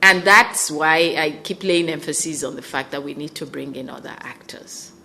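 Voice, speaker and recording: A woman's voice: low-pitched, normal speed, gravelly, bright, forceful tone, a little hiss or hum. A woman from West Africa speaking as a conference panelist, earnest and emphatic, often restarting her sentences. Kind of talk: panel discussion remarks. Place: conference hall.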